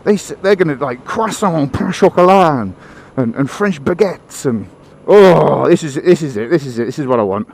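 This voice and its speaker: A man voicing a famished, impatient English tourist who talks in a whiny, excitable way. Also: a little high, moderate pace, creaky, slight background noise. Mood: excited.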